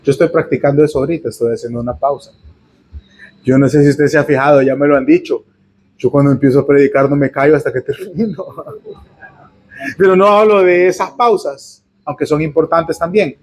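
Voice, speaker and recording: A man's voice: a little high, fairly quick, darkish tone, reverberant, poor audio. A man preaching a conversational sermon. He reads Bible verses aloud, explains them in a chatty way, keeps checking in with his listeners, and adds humorous asides. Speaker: pastor.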